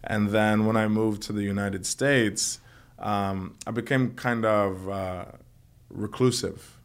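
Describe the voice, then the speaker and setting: Guy from trinidad, low voice, tells stories with big swoops up. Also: slow, smooth. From Trinidad and Tobago. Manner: animated storyteller, builds stories with repetition. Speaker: actor guest. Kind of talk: podcast interview.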